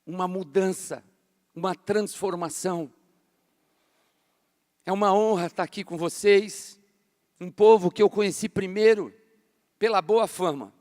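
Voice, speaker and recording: A man's voice: high-pitched, steady tone, a little slow, long pauses, a little mellow. A man in his fifties, a pastor from Brazil, preaching a fervent, casual sermon in a large church hall. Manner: fervent, casual, says "cara" a lot. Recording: long hall reverb.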